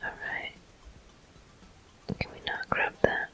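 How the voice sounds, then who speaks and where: Soft, breathy and unvoiced, a person whispers slow ASMR commentary while hosting a video game walkthrough.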